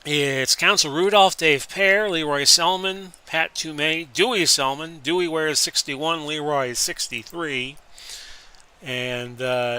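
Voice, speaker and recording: Bright-voiced man calling plays. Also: on the high side, clean tone. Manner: announcer-style calls that rise into excited outbursts. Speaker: streamer and host. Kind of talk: play-by-play commentary over a sports simulation game.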